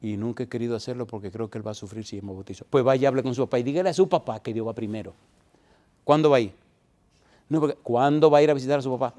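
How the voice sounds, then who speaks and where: Emphatic middle-aged pastor preaching. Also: male voice, on the high side, a little mellow. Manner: emphatic, asks congregation questions. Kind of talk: sermon.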